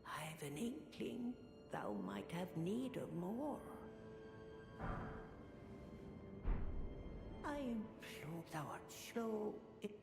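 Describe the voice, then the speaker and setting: An actress playing a gentle, courteous fantasy game hostess who speaks in mock archaic English with thee and thou, in a hushed, breathy delivery. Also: female voice, medium pitch, big pitch swings, takes it slowly, heavily acted. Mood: gracious welcome. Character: gentle, courteous woman offering stew to a noble guest. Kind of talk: fantasy video game character acting. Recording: echoing voice under loud music.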